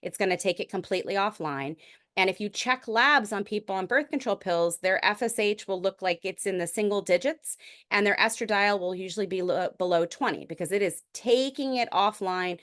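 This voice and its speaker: A woman's voice: medium pitch, brisk, a bit bright. A middle-aged woman physician giving a lecture in a conversational, explanatory way, with frequent restarts. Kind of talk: recorded medical lecture.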